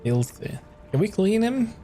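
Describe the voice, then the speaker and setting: High-ish, animated man doing gameplay commentary. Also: measured pace. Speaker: let's play host. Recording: game music behind the voice.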